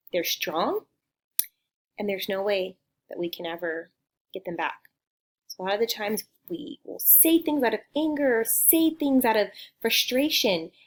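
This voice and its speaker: A woman school counselor, gentle and encouraging, teaching a lesson to young students. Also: mid-range voice. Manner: gentle, encouraging, acts out children's quotes.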